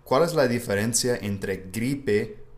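Speaking slowly in a medium pitch, an American man who is a native English speaker leads a relaxed educational conversation as host of a language-learning podcast.

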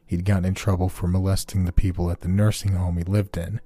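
A man narrating a scripted first-person scary story in a measured, deliberate way, as a storyteller. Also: low-pitched, flat delivery, mellow, breathy edge, no room sound. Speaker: narrator of listener-submitted scary stories. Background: background music.

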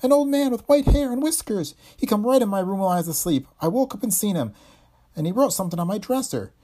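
A woman's voice: mid-range voice, expressive, fast, dark tone, voice pushed up, lightly acted. A man doing a terrified gasping servant woman. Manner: breathless gasping speech, rustic grammar. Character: terrified female cook, plain-spoken servant.

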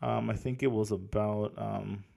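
A man's voice: fairly low pitch, steady tone, a little slow, creaky, dark tone. A man co-hosting a podcast in casual chat, talking hesitantly with lots of fillers and restarts.

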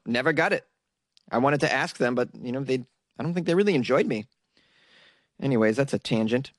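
Clean studio audio with no room sound captures a medium-pitched man reading news stories casually. He's a solo commentary host who keeps breaking away into sarcastic, meandering jokes aimed at the people watching.

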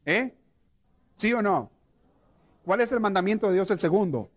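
A high-voiced priest speaking at normal speed teaches a live group a prayer course. He brings stories to life and questions the people listening.

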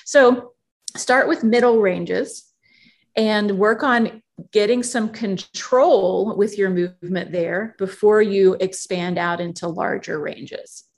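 A woman interviewed as a yoga author, explaining in a measured, teacherly way. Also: medium pitch. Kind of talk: podcast interview.

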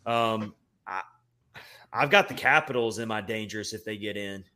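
A man's voice: lowish voice, moderate pace, sharp tone. A man with a Southern Tennessee accent hosting a casual sports talk show. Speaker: sports podcast host.

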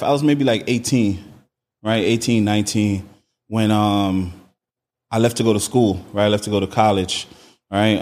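A young adult man from Miami, a podcast guest telling his backstory in relaxed conversation, often tagging his sentences with "right?". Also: lowish voice. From Miami, Florida. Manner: laid-back, peppers speech with "right?". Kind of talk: casual conversation.

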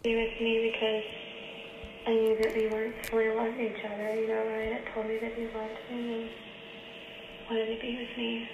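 Lady on an old interrogation tape, kinda high voice, halting and rambly, roomy muffled sound w/ hiss. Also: completely flat delivery. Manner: halting, rambling account with restarts. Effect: old interrogation tape recording. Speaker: murder suspect under interrogation. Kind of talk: police interrogation statement. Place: police interrogation room.

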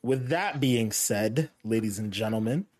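A man's voice: fairly low pitch, unhurried. Laid-back rambling male podcast host. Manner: relaxed, rambling with fillers. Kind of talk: casual chat.

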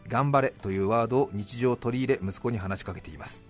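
A man's voice: medium pitch, fast talker, soft background music. A middle-aged man hosting a radio show, chatting playfully and explaining things in a casual studio talk. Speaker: radio host.

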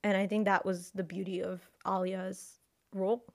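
A woman's voice: mid-range voice, flat delivery, normal speed, vocal fry. A woman co-hosting a film podcast, chatting casually and animatedly, with many fillers. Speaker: podcast co-host. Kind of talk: casual chat.

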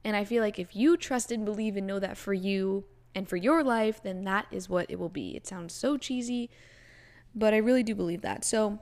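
Speaking at a normal speed in a mid-range, darkish voice, a twenty-something woman runs her own casual solo podcast. Her talk is earnest but meandering, packed with "like" and "you know".

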